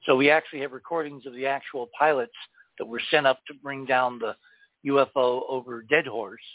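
A man hosting a talk radio show, speaking in measured, emphatic phrases. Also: mid-range voice, fairly even intonation, no echo, phone-quality sound.

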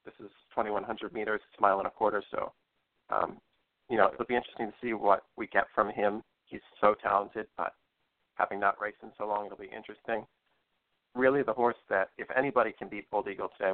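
Man, low-pitched, phone-like sound, horse racing pundit, measured analytical talk, hesitant phrasing. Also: no room sound. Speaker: horse racing expert guest. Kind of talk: live radio-style racing analysis interview. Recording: thin phone-like line.

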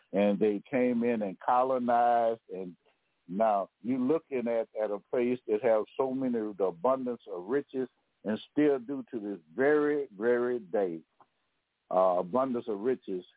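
Guy lecturing on a talk podcast, kinda low voice, lots of uhs and restarts, tinny dry phone sound. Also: dry recording. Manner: rambling, halting, many uhs and restarts. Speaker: podcast host.

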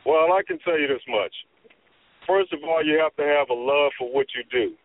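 A middle-aged man speaks on speakerphone from the road, his slightly high voice reduced to a thin, tinny phone sound. He calls in as a guest artist and talks in a steady, encouraging way, like someone giving advice. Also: normal speed, no room sound. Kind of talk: phone-in interview. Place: in a vehicle on the road.

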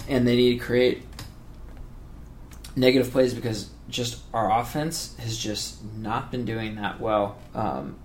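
A man hosting a casual sports podcast, talking through the game in a self-described monotone with plenty of fillers. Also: lowish voice, slight background noise. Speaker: podcast host.

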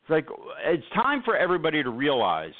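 Man, radio show guest, sarcastic and emphatic, lots of "you know", slightly higher voice, phone-quality audio. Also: wildly swooping pitch, fairly quick. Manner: emphatic, sarcastic, rambling with many fillers. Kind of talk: political call-in radio talk. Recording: phone-line call-in audio.

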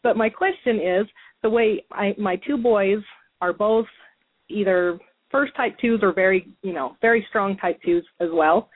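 A woman's voice: mid-range voice, a little slow, breathy edge. A woman calling in to a radio show over the phone, nervous and emotional, laughing between her thoughts. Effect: caller's voice heard over a phone line. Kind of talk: casual call-in chat. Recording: dry tinny phone line.

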